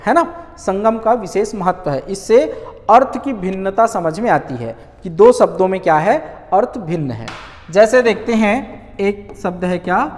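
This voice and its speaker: A man with a high-pitched, slightly mellow voice teaches Hindi grammar in an online lesson, recorded with a big-room sound. He poses rhetorical questions, answers them himself, and repeats key words slowly.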